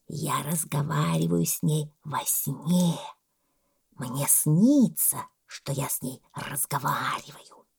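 A woman voicing a sleepy male boa snake who speaks slowly in a low, hushed half-whisper. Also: creaky, breathy edge, exaggerated voice. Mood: calm drowsy.

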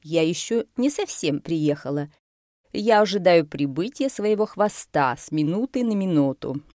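A woman voicing a grand, unhurried old grandmother boa who speaks in a measured way. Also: on the low side, lively intonation, dark tone, dry recording, studio quality, lightly acted. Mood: stately. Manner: stately, measured.

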